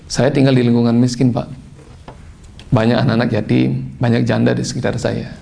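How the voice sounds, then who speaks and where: A man giving a sermon, telling a story in an animated way and rising to high, emphatic tones when quoting. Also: brisk, gravelly. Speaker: preacher.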